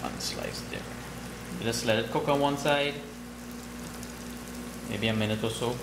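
A man in his thirties with a Trinidadian accent, calmly explaining a recipe step by step in his home kitchen. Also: mid-range voice, measured pace, vocal fry, heavy background noise. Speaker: home cook. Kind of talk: cooking demonstration. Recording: echoey kitchen with loud sizzling. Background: frying sizzle.

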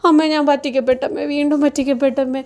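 A woman's voice: sits high, little pitch movement, quick pace, a little mellow, natural voice. A woman voicing a desperate young man begging his mother for help. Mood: pleading. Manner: pleading, whining. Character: desperate pleading young adult son.

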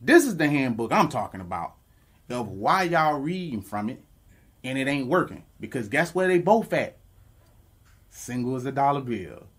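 A man's voice: mid-range voice, sing-song, normal speed, slightly rough. A man co-hosting a podcast, arguing bluntly and profanely in casual chat, laughing as he makes his points. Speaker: podcast co-host.

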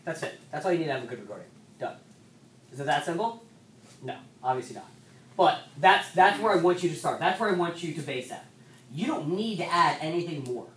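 A woman's voice: low-pitched, expressive. A woman speaking as a rowing coach, giving an instructional talk for coxswains in a conversational way, often restarting her sentences. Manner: conversational, many restarts and "so"s, brisk stretches. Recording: echoey room, mic at a distance, faint background noise.

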